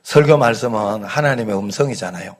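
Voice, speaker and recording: A man's voice: fairly low pitch, a little fast. Man, middle-aged pastor, light Gyeongsang accent, casual Sunday sermon, folksy stories, rhetorical questions to the pews. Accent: light Gyeongsang dialect. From Gyeongsang region, South Korea.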